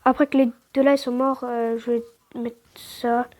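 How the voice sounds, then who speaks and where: A woman giving casual gameplay commentary, stammering and restarting words, with slangy, excitable outbursts. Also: fairly high pitch, moderate pace. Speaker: gaming channel host.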